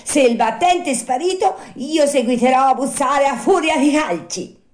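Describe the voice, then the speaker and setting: A woman voicing a wooden puppet boy who is desperate and impatient, crying out in shrill pleas. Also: measured pace, darkish tone. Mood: pleading. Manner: shrill pleading cries. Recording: roomy echo.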